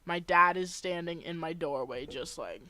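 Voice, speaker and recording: A woman's voice: fairly low pitch, moderate pace, bright, forceful tone. A young adult woman, a podcast guest, telling a story in casual chat, laughing and swearing casually.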